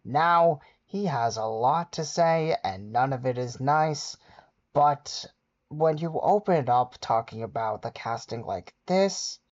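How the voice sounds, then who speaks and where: A man's voice: mid-range voice, lively intonation, slow, no room sound. Guy ranting sarcastically in a reaction video, dry close mic, a bit dull sounding. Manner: sarcastic, scolding. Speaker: commentary YouTuber. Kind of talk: reaction commentary.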